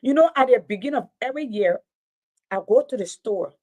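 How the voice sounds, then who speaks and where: Animated and fairly quick, with a fairly high, slightly mellow voice, a Liberian-accented teacher who once hosted radio gives an impassioned public talk, often repeating words to drive her points home.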